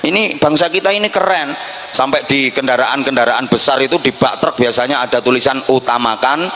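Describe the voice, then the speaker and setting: A man's voice: medium pitch, a little fast, background noise. A man with a Javanese accent preaching a humorous sermon and playfully acting out greetings in mock voices. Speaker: Islamic preacher.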